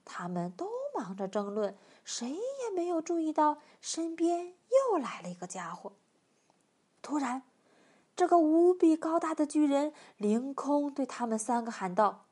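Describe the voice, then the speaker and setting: A woman reads a children's picture book aloud, expressive and lively. Her voice sits high, and she takes her time over each line. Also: measured pace. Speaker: storyteller.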